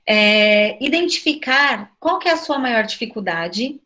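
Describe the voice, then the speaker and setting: A woman with a Brazilian accent and a slightly high voice speaks in a relaxed, conversational way. She keeps firing off rhetorical questions and tags them with little checks for agreement. It sounds like a school director on a video call with fellow educators. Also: a little slow. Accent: Brazilian Portuguese. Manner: lively, asks many rhetorical questions, frequent "né?".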